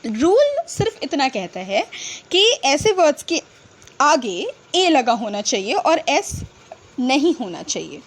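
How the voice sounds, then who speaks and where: A woman's voice: sits high, sing-song, takes it slowly. A woman with an Indian accent teaching English pronunciation, mixing Hindi and English and answering her own questions. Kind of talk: pronunciation lesson.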